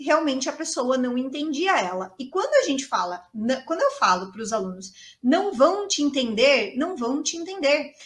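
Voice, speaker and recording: A woman's voice: high voice, fairly bright tone. A Brazilian woman teaching English in a chatty, emphatic video lesson, repeating key words for stress.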